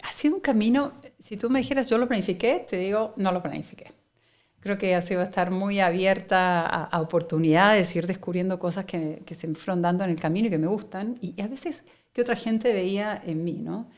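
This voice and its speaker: A middle-aged Argentine woman with an Argentine Spanish accent, a company director, is a guest in a conversational interview. She speaks in a measured, reflective way with frequent fillers and laughs, her voice medium-pitched and a little mellow.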